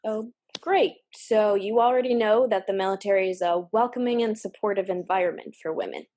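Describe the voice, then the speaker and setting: Woman acting as a sarcastic army recruiter, blunt, offhand, mid-pitched voice, casual swearing, indie audio drama. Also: a little fast, warm tone, lightly acted. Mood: pitching.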